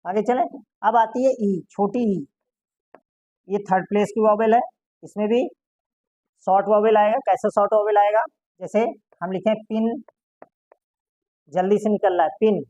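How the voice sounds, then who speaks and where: A woman's voice: mid-range voice, fairly even intonation, normal speed, long pauses, mellow, no echo, lo-fi sound. A woman teaching a shorthand lesson, asking her class questions and answering them herself.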